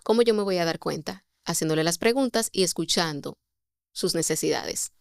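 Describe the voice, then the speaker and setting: A woman, a communication mentor, explaining sales techniques as a podcast guest with expressive delivery and rhetorical questions. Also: fairly low pitch, normal speed, vocal fry, no room sound, studio quality.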